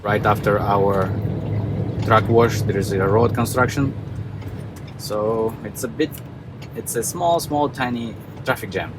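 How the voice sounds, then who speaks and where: A man from Kazakhstan with a Russian accent and a fairly low voice narrates a casual vlog as a truck driver. He speaks haltingly, searching for words in his second language. Filmed at a truck yard and inside a truck, the recording carries loud vehicle and outdoor noise.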